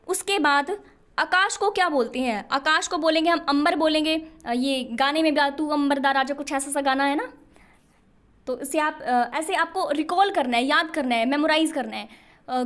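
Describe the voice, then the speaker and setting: High-voiced woman teaching Hindi. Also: a bit bright. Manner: patient, explanatory, checks in with "ठीक है". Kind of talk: Hindi exam lesson.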